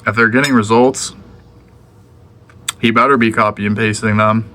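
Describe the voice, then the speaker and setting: A man's voice: on the low side, steady tone, moderate pace, pushed and bright. A young man chatting casually to the camera in a laid-back, slangy way, sometimes talking with his mouth full. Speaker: vlogger. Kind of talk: casual vlog chat.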